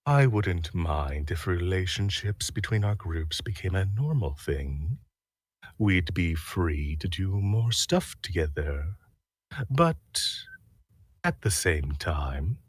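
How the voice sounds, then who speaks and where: A man with a deep, husky voice and lively intonation speaks slowly in a dry recording. He's an ASMR voice actor in a recording session, reading a flirty roleplay script softly into a close microphone and chatting casually between takes.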